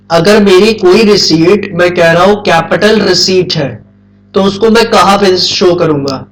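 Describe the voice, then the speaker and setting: A man's voice: high voice, recorded from a distance. Man teaching in an echoey classroom. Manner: quizzing students, repeating key points. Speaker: accounts teacher. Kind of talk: classroom lecture.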